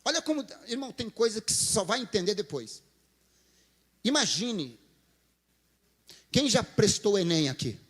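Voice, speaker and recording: A man's voice: sits high, sing-song, a little slow, long pauses, long reverb tail. A man, a pastor, preaching a sermon, telling a counseling story and acting out its dialogue before rising to emphatic appeals.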